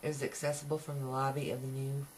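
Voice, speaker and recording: A man reads a novel aloud as an amateur, talking fast in a flat, medium-pitched, slightly mellow voice and sometimes tripping on a word before restarting. It's a low-quality home recording with faint noise in the background.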